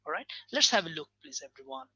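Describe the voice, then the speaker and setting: Male lecturer from Bangladesh, earnest explainer, lively melodic delivery. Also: very high-pitched, quick pace, gravelly, breathy edge, no room sound, rough recording. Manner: earnest, explanatory, checks in with listeners. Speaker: English teaching lecturer. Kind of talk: video lecture.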